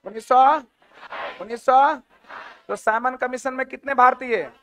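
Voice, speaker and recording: A man's voice: very high voice, unhurried, a bit bright, no room sound. A man teaching an exam-prep history lecture, firing off questions and repeating the answers again and again.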